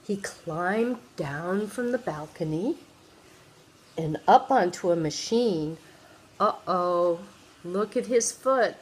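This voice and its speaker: Sweet old lady reading a kids book out loud, slow n grandma-like, really up and down voice, bit of noise. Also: medium pitch. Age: older. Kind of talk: read-aloud children's storytelling.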